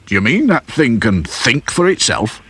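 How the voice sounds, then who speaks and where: A man voicing a wary middle-aged male factory boss who speaks hesitantly and haltingly. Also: mid-range voice, huge pitch swings, a bit bright, pitched above the performer's own voice, full character voice. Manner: hesitant, clears throat, halting.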